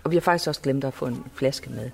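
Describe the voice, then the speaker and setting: A woman's voice: very deep voice, gravelly, noisy background. A woman chatting casually as she plans aloud. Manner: chatty, talks while planning. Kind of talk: casual chat.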